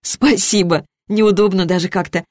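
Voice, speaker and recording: A woman's voice: mid-range voice, fairly even intonation, normal speed, a little mellow, no room sound, clean studio sound, lightly acted. Casting: woman voicing a grounded, sincere woman hairdresser in a storybook.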